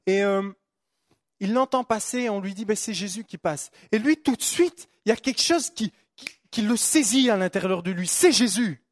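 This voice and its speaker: A man's voice: high voice, animated, moderate pace, a little hiss or hum. A young man preaching a sermon, fervent, repeating phrases for emphasis and stumbling on words. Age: young adult.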